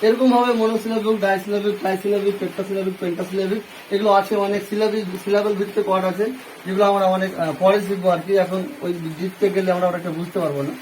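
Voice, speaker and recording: A man's voice: high-pitched, little pitch movement, quick pace, darkish tone, slight background noise, rough recording. A man with a Bengali accent teaching an English grammar lesson, explaining step by step and asking and answering his own questions.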